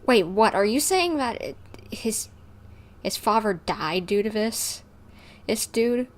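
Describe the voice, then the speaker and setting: A woman's voice: fairly high pitch, very animated, takes it slowly. A woman livestreaming a game, reading its dialogue aloud in an amateur way and reacting casually with startled questions. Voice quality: amateurish voice acting when reading lines. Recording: noticeable background noise.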